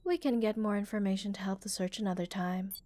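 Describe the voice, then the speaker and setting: Here a woman portrays a calm, curious female alien scientist in a relaxing ASMR roleplay, speaking in a measured, clinical, gently reassuring manner. Her voice is natural and medium-pitched, with a little hiss or hum on the recording.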